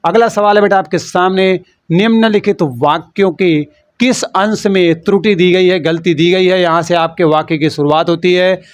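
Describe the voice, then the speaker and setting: A man's voice: sits high, fairly even intonation, moderate pace. A man teaching a lesson for an exam, explaining in a playful, teasing way and calling the students "beta".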